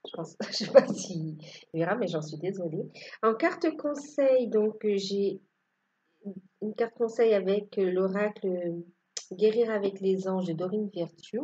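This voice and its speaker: A woman's voice: mid-range voice, a little slow, dark tone, breathy edge, highs cut off. A woman giving a casual tarot reading to her viewers, hesitant and full of fillers. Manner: hesitant, many fillers and restarts. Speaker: tarot card reader.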